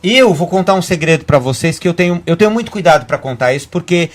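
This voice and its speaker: A Brazilian man, a guest medium, talking fast in a rambling way with many restarts on a web radio show. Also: fairly high pitch, animated. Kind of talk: casual radio talk.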